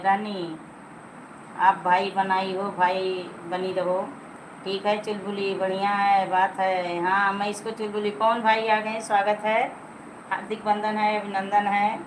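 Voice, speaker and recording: A middle-aged woman chats her way through a live stream, slow and unhurried, teasing viewers and pushing them to like the video. Her voice sits at an ordinary pitch. Steady noise and passing vehicles run behind her. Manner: chatty, teasing, coaxing viewers to like and comment. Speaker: livestream host.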